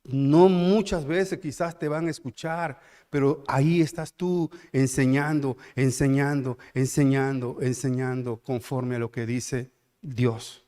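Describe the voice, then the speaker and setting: A middle-aged man with a Mexican accent, preaching a sermon as pastor, repeating phrases and slowing down to build loud climaxes. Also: on the high side. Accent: Mexican Spanish.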